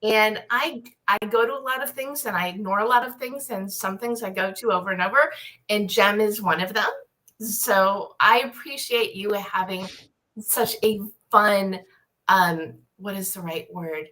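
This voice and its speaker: A woman's voice: mid-range voice, measured pace, pushed and bright, low-quality recording. A woman hosting a live panel show, chatty and rambling, often interrupting herself as she goes. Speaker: live show and podcast host.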